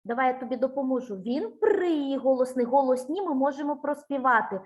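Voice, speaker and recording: A woman's voice: sits high, brisk. A woman giving a one-on-one speech lesson to a child, patient and encouraging, asking many questions and singing out vowel sounds to demonstrate them. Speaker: speech teacher.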